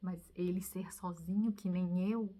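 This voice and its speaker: A Brazilian woman vlogging, telling viewers a personal story in an animated, confiding way that now and then drops to a whisper. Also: fairly low pitch, a little slow. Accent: Brazilian Portuguese.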